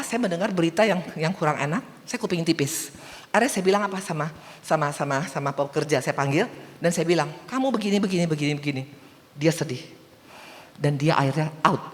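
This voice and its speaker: A woman evangelist giving a sermon in a large church, telling stories and putting questions to the congregation. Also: low voice. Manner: lively storytelling, asks the congregation questions. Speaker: evangelist preacher. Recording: long church-hall reverb.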